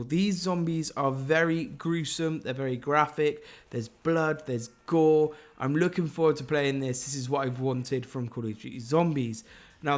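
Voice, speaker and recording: A man talking viewers through game leaks in an enthusiastic, speculative way. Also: on the high side. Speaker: gaming YouTuber.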